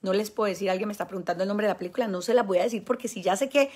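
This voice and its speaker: A woman's voice: medium pitch, rapid-fire, darkish tone, husky. A Colombian woman, a spiritual healer, speaking emphatically to her viewers. She stresses points by repeating words. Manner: acts out the people she quotes. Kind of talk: monologue addressed to viewers.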